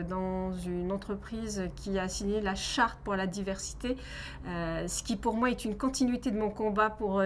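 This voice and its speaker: A woman from Algeria, in her thirties, giving earnest personal testimony in an interview, pausing often with fillers and restarts. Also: mid-range voice, a little hiss or hum.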